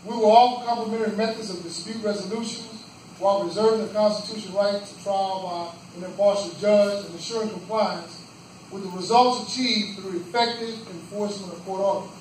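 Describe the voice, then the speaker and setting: A man giving a campaign speech for a judicial seat in a roadhouse event room, earnest and plain-spoken, in short phrases with pauses. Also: high-pitched, fairly even intonation, a little mellow. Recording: echoey room from far off, faint background noise.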